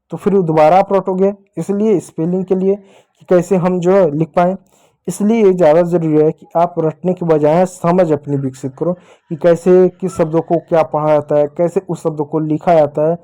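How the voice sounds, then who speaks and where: A man's voice: high voice, mellow. A man teaching English to children at a whiteboard, explaining patiently and asking rhetorical questions, with a North Indian Hindi accent.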